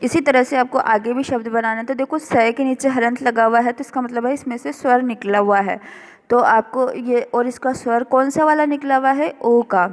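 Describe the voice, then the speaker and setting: A woman teacher explaining a revision lesson slowly and carefully, word by word. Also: a little high, steady tone, big-room sound. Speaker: school teacher. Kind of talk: recorded classroom revision lesson.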